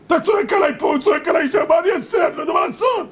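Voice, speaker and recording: A man voicing a panicked male angel messenger, shouting and pleading in a high voice. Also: animated.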